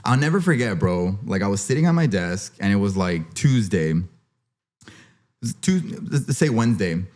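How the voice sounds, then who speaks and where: A man's voice: on the low side, expressive, normal speed, a little mellow. A young man co-hosting a podcast, telling a story in casual chat, full of fillers and "bro". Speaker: podcast co-host.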